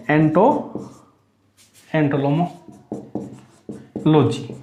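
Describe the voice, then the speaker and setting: A man teaching an exam-prep lesson, drilling students with repeated questions that rise and answers that drop low. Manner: asks high and answers low. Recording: echoey room.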